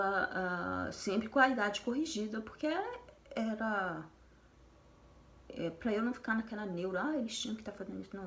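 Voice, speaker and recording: A woman's voice: mid-range voice, a little hiss or hum. A woman sharing her story as a mother of twins in a casual personal vlog, talking in a chatty way with many fillers and restarts. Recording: echoey room.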